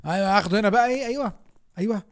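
A young man with an Egyptian Arabic accent giving excited gameplay commentary as a gaming YouTuber, often shouting and laughing. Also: high voice, very fast, a little hiss or hum.

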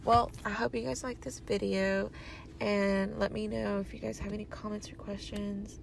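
Very gravelly young woman, chatty vlogger. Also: medium pitch, moderate pace, poor audio. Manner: chatty, rambling, many fillers. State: sleepy, yawning. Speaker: beauty vlogger. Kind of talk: casual makeup voiceover. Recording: steady background noise.

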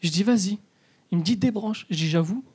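A man's voice: high voice, a little fast, very noisy. A young man doing stand-up in a comedy club, telling a story and acting out both sides of the dialogue.

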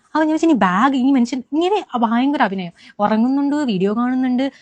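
A young woman from Kerala, India, talks rapidly as an eyewitness giving a first-person account of an incident. Her voice sits high and there's no room sound, while her animated retelling keeps restarting.

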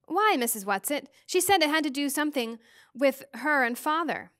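A woman's voice: sits high, animated, normal speed, a bit bright, dry recording, pitched above the performer's own voice. Woman doing a stubborn anxious teen girl, kinda unsure and frustrated, dry close sound.

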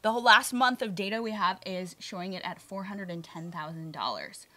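Woman broker, enthusiastic, explains numbers, bright voice, dry close sound. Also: mid-range voice, brisk, no echo. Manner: enthusiastic, explains figures steadily. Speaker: real estate broker. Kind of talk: casual market-update chat.

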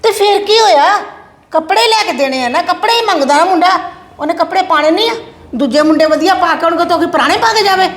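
A woman's voice: very high-pitched, lively intonation, fast talker. An actress playing a stern older grandmother who scolds her daughter-in-law in a family drama, speaking firmly and commandingly. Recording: echoey room.

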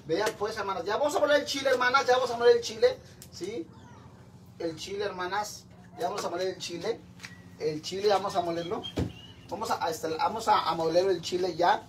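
A woman's voice: mid-range voice, a little fast. Middle-aged mexican lady cooking on a live stream, crude and jokey, keeps saying sisters, bit of hiss. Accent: Mexican Spanish. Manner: crude, joking, keeps addressing viewers as sisters. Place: home kitchen.

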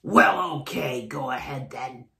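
A woman voicing a mean, ugly male troll who makes low, gruff threats in a children's story. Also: lively intonation, slow, sharp tone, heavily acted. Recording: echoey room.

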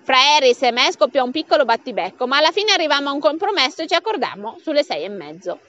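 A woman reading a comic novel aloud as an audiobook, bringing the dialogue to life with raised pitch. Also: sing-song, fast talker, a bit bright, highs cut off. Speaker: audiobook reader.

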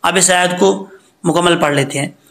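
A man teaching recitation rules patiently, step by step, and chanting slow examples. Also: sits high, creaky, fairly bright tone. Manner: patient, explains step by step, then chants slowly. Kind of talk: tajweed lesson with recited examples.

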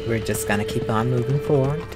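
A let's play gamer talks casually in a mid-low speaking voice. The commentary is playful, with sarcastic asides, and game music plays clearly behind it. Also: a little fast.

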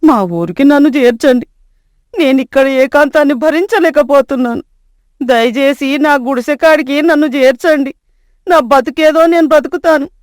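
Woman doing a storybook old grandmother, high-pitched, pleading, homesick, dry recording. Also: normal speed, no room sound, close to an everyday voice. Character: poor old village grandmother, homesick and gentle. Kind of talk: storybook voice acting.

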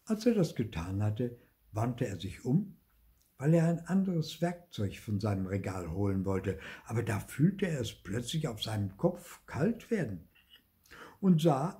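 An older man reading a children's storybook aloud in an expressive way. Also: mid-range voice. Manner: expressive, lively read-aloud.

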